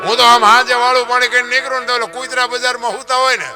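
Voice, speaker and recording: A high-pitched man delivers a moralizing folk storytelling talk. He preaches, fires off rhetorical questions and slips into half-sung lines. A guitar plays clearly beneath his voice. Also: little pitch movement, quick pace, sharp tone. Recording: clear guitar music under the voice. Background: guitar music playing.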